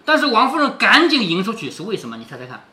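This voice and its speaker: A man's voice: sits high, huge pitch swings, fast talker, bright, forceful tone. A middle-aged man reading a classic novel aloud to his daughter, explaining it as he goes and often asking rhetorical questions. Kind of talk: explanatory storytelling with quoted dialogue.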